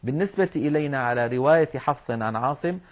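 A man teaching Quran recitation rules, explaining patiently and slowing down to demonstrate words. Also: mid-range voice, animated. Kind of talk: religious lesson on Quran script and recitation. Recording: dull lo-fi recording.

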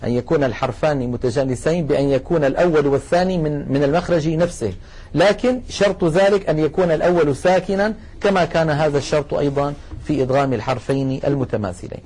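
Here a man's fairly high, husky voice with a darkish tone leads a recorded lesson on reciting the Quran. Speaking to listeners as brothers, he explains things patiently and drops to a slow pace whenever he recites an example.

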